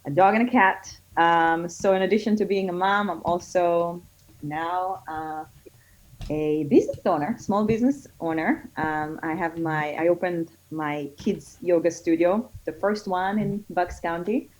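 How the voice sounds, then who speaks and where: On a laid-back podcast, an Israeli middle-aged guest talks about running her kids yoga studio, chatty and full of fillers, with rising excitement in her stories. She speaks unhurriedly in a voice on the low side. The lo-fi audio sounds dull.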